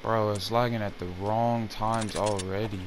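A man's voice: lowish voice, flat delivery, a little slow. A young man in casual gaming chat with a teammate, talking as a hyped, exasperated gamer bro who says bro a lot. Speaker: gamer playing an online shooter in a duo. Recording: noisy gaming mic with game sound.

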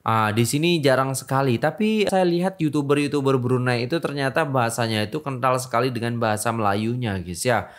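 A man's voice: medium pitch, a little fast. A man hosting a casual reaction video, talking chattily and often tagging his sentences with "guys".

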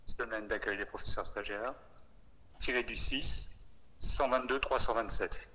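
Man on speakerphone, sharp bright tone with a long hall echo, formal and hesitant briefing. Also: mid-range voice, fairly even intonation. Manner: hesitant, with many filler pauses. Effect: heard over a phone on speakerphone. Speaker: education official addressing trainee teachers. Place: relayed into a meeting room over a speakerphone. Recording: phone on speakerphone with long room reverb.

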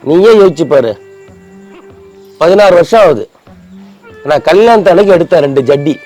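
A man's voice: fairly high pitch, expressive, normal speed, dark tone, soft background music. Sulky, whiny man. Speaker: comedy sketch performer playing a husband. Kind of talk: scripted comedy sketch.

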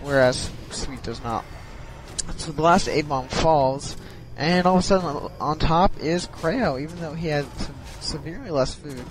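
This low-quality recording features a fairly high-pitched man talking at a moderate pace. He gives laid-back commentary on a strategy game replay, sounding sleepy and tentative, yawning, with lots of ums and restarts.

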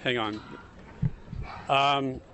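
A man's voice: medium pitch, steady tone, drawn-out words, noisy background. A male TV reporter, flustered, apologizing over and over outdoors. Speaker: TV news reporter. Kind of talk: unscripted apologizing on live TV. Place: outdoor marina boat show. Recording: busy outdoor crowd, distant camera.

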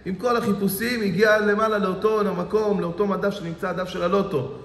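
A man's voice: high voice, steady tone, vocal fry, fairly bright tone. A man giving a sermon as a rabbi, telling a parable dramatically with lots of repetition. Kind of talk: sermon with storytelling. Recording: echoey hall reverb.

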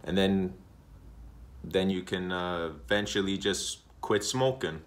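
Low-pitched man, thirties, rambling casual vlog talk, webcam in a room. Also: slow pace. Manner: rambling, repetitive, relaxed, with many uhs. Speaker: smoking vlogger. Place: indoor room.

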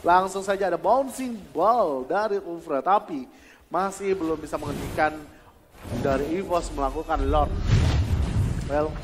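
A man commentating live on a mobile game match as an excitable esports announcer. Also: on the high side, unhurried, pauses often. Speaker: esports shoutcaster. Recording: echoey hall, clear background noise.

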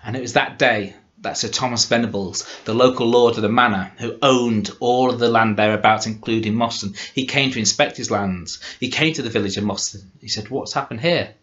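A man from Cheshire with a Cheshire English accent, telling a folk tale in a lively, dramatic and humorous way. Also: mid-range voice, brisk, few pauses. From Cheshire, England. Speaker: storyteller. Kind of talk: oral folk storytelling. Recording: dull lo-fi recording.

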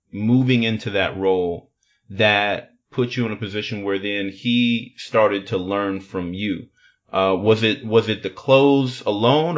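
A man's voice: fairly low pitch, lo-fi sound. A man hosting a podcast, asking long, thoughtful questions and restating what the guest said. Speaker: podcast host. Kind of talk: interview questions.

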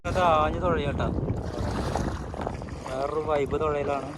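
Male vlogger, higher-pitched, excitable slangy with English mixed in, noisy waterside recording. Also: slow. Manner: excitable, slangy, mixes English words into Malayalam. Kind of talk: casual outdoor vlog chat. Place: outdoors at a river, partly in a canoe. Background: water, wind and boat noise.

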